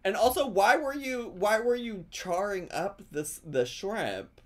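An animated man streams comedic reactions, with his pitch swinging widely. He talks slowly and casually, with a mocking, incredulous edge. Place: small indoor room, streaming on camera.

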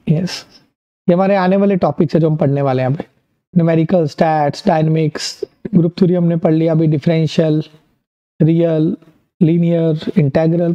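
A man's voice: fairly high pitch, muffled recording. Upbeat Indian male maths teacher. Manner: upbeat, encouraging, asks and answers his own questions. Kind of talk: online maths lesson.

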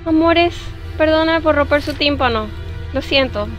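A woman's voice: high voice, normal speed, highs cut off, over music. A young woman streaming a horror game live. She chats to her viewers and shrieks when the game startles her. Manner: jumpy, screams at scares then talks softly to chat. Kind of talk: live gaming stream chat.

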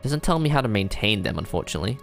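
A man giving casual let's-play commentary, thinking aloud, excitable and self-deprecating as he works things out. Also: lowish voice, very fast, gravelly. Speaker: gamer playing a strategy game. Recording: faint game music behind.

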